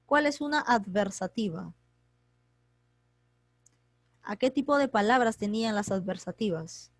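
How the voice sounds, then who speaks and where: A woman teaching an online grammar class, talking quickly and chattily as she quizzes students by name. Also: mid-range voice, expressive, no room sound. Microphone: computer mic on a video call.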